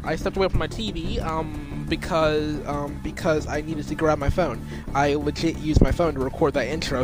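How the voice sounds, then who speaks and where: Rambling young man streaming a game. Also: a little high. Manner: rambling, many fillers and restarts. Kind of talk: casual gaming stream chat. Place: home living room.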